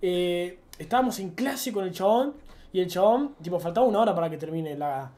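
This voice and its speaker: A young man in his twenties with an Argentine accent, telling slangy, animated anecdotes as a streamer. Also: high-pitched, brisk. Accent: Argentine Spanish. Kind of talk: casual storytelling chat.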